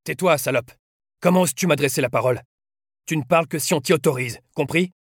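Man reading stern young soldier, low firm voice, husky, dry sound, storybook. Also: fairly quick, no echo. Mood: harsh, commanding. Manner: low, firm, turning soft and hushed. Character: stern young male soldier, harsh in public, tender in private.

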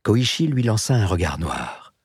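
A male audiobook narrator with a low, husky voice tells a scripted story in a measured, even way. The studio recording is clean, with no room sound.

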